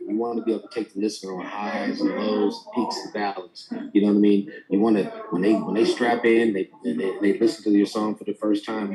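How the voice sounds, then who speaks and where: A man's voice: fairly low pitch, low-quality recording. A man judging a music contest over a video call, giving casual, encouraging coaching advice. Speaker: judge. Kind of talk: critique of a song. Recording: loud crowd noise behind.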